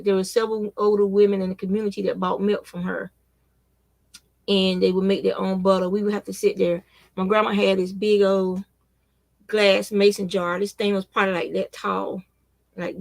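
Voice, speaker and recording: Woman, fifties, gravelly, dry close sound, rambling casual storytelling, mid pitch. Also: level tone, normal speed, no room sound. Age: 50s. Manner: rambling, with frequent restarts and small laughs. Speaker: crochet vlogger. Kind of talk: casual reminiscing while crocheting.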